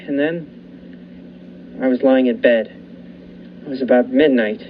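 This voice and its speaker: A young adult man narrates a radio thriller in the first person, acting as both narrator and lead, telling it steadily and slowly while building tension. His voice is mid-range. The recording is dull and lo-fi with a faint hiss.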